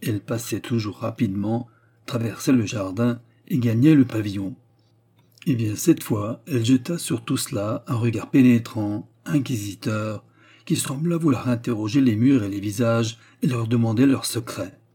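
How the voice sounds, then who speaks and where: Here a male narrator performs an audiobook of a classic novel with deliberate, dramatic pacing. The pitch is medium, the tone warm, with a breathy edge.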